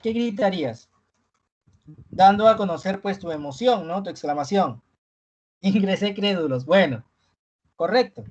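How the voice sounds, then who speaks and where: A teacher giving a live online review class, ending almost every phrase with a questioning "¿no?" and repeating key words slowly for emphasis. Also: mid-range voice, animated, dull audio.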